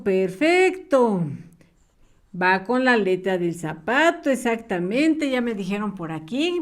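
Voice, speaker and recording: Woman teaching little kids online, slow and patient, lively higher voice. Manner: slow, patient, sing-song questions to children. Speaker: primary school teacher. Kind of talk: online class for young children.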